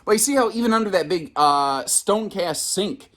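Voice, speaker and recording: Guy showing off a trailer on his camera, kinda high pitched, bouncy delivery, lots of uh's. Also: normal speed. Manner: chatty, folksy, lively with many fillers. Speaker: RV dealer giving a walkthrough. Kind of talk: casual video walkthrough. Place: inside a trailer.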